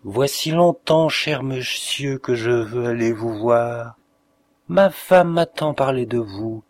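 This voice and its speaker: A man's voice: mid-range voice, slow pace, close to an everyday voice. A man voicing an effusive, courteous middle-aged male notary in an audiobook story.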